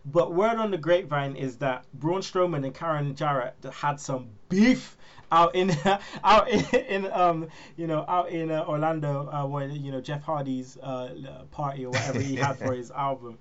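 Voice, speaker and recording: A man's voice: fairly high pitch, moderate pace, fairly bright tone. A man hosting a casual wrestling chat, telling stories with lots of laughs and acted-out quotes. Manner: storytelling, laughs often, acts out quotes. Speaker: podcast host. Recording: muffled lo-fi recording.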